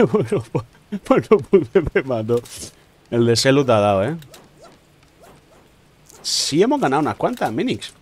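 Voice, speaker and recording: A man's voice: mid-range voice, big pitch swings, measured pace, pauses often, husky. Playful Spanish streamer man, teasing banter. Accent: Spain Spanish. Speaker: gaming streamer. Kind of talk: casual gaming commentary.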